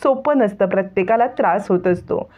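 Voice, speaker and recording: A woman playing a calm young woman doctor. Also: mid-range voice, moderate pace, natural voice. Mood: composed. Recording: tinny phone-like sound.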